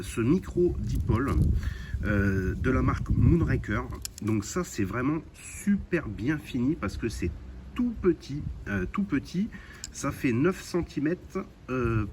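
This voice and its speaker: A man hosts a hobby DIY video, chatting informally and thinking aloud while he demonstrates things by hand. His voice is medium-pitched, and there's a noisy background.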